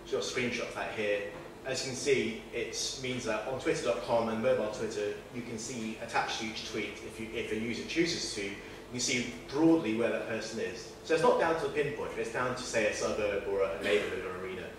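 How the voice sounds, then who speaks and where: This meetup presenter talks to an audience in an event room, casually and self-deprecatingly, often using fillers and restarting. He has a lowish voice at a fairly quick pace and is not from northern England; he is far from the mic in a very echoey room with faint noise.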